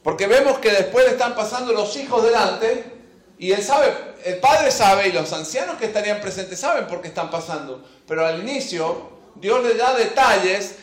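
A man preaching a sermon, reading scripture and then speaking straight to his listeners, stressing and repeating his key phrases. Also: sits high. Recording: echoey room.

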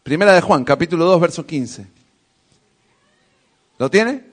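A man's voice: fairly high pitch, expressive, measured pace. A man preaching a sermon in an emphatic, theatrical way, mimicking sounds as he tells stories.

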